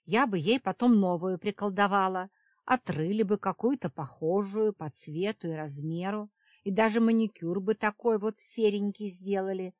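A woman's voice: medium pitch, normal speed, darkish tone, no echo, studio quality, lightly acted. A woman reading as a blunt young witch. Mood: flippant. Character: young female witch, bookish necromancer, blunt. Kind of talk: audiobook character reading.

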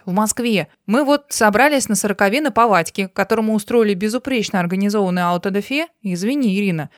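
A woman voicing a fussy, excitable young male archivist who talks fast and mocks others. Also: mid-range voice, no room sound, clean studio sound, close to an everyday voice. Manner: frantic, talkative, mocking.

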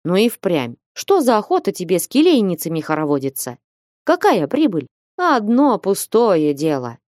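A woman's voice: medium pitch, huge pitch swings, moderate pace, darkish tone, dry recording, clean studio sound. A woman voicing a reproachful male merchant reasoning with a younger man in an audiobook. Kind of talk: audiobook reading.

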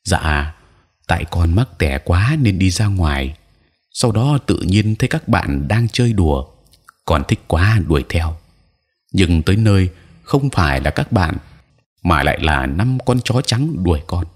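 A man's voice: sits low, big pitch swings, a little slow, husky, full character voice. A man voicing a frightened little village boy who cries out for help in a panic. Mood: pleading.

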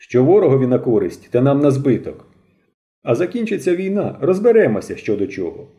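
A man's voice: mid-range voice, sing-song, a little fast, mellow, close to an everyday voice. A man voicing a jovial seasoned soldier. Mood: sober. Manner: jovial, teasing, plain-spoken. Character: cheerful seasoned soldier, grown man, easygoing. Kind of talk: audiobook character voice.

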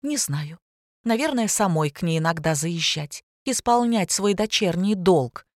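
A woman reading an audiobook voices a timid middle-aged mother who speaks softly, calm and restrained. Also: fairly low pitch, unhurried, dry recording, studio quality. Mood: dry calm.

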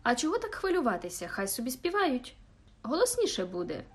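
This is a wry old church musician, read by a woman, slow and sardonic with a mournful edge. The voice is a little high, and there is faint music behind it in this audiobook. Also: wildly swooping pitch, breathy edge, full character voice. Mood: bitter. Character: bitter, wry older male church musician.

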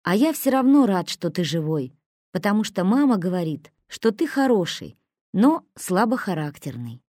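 A woman's voice: medium pitch, big pitch swings, normal speed, mellow, dry recording, studio quality. A woman voicing a kindly, patient male crook of about forty who reads aloud and takes offense. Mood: reading. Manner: soothing, reading a letter aloud.

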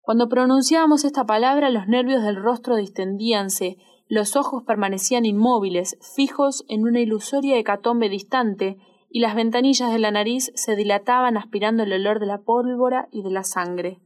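A woman with a Rioplatense accent narrating a literary audiobook in a measured, expressive reading. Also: on the high side. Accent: Rioplatense Spanish. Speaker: audiobook reader.

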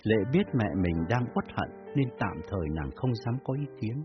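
A man narrating a dramatized audiobook story with expressive storytelling. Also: medium pitch, normal speed. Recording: dull lo-fi with faint music.

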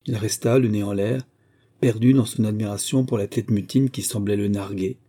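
A man reading a novel aloud in a measured, even narration. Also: fairly low pitch. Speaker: audiobook reader.

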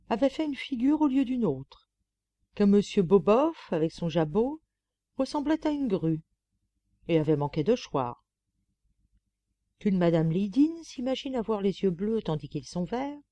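A woman's voice: medium pitch, dark tone, no room sound. Woman reading as a gossipy pampered lapdog. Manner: chatty, confiding, mocking. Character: gossipy pampered female lapdog writing letters. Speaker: audiobook reader. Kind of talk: audiobook narration.

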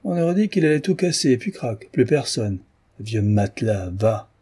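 A man's voice: medium pitch, big pitch swings, moderate pace, warm tone, breathy edge. A man doing a curt, scornful police clerk. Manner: dry, dismissive.

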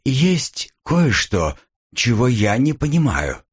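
A man voicing a sharp young woman police lieutenant asking pointed questions. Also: medium pitch, sing-song, slow pace, husky, voice pushed up, exaggerated voice. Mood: probing. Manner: inquisitive, cool.

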